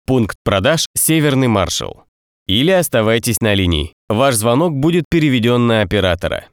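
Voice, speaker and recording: A man reading recorded phone menu prompts in a slow, formal, measured way. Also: medium pitch, very animated, clear, resonant tone, dry recording, clean studio sound.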